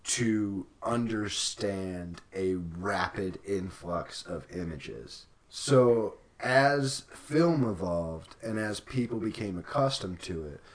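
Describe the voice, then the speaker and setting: A young man co-hosting a casual podcast, explaining things in a relaxed way with dry teasing. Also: low-pitched, takes it slowly, few pauses. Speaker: podcast co-host.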